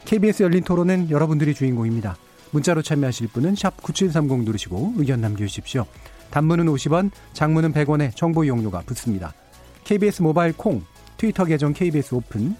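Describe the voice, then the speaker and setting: Lively male public radio host, brisk and formal. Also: a little high. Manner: formal, articulate presenter delivery. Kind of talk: scripted public radio hosting.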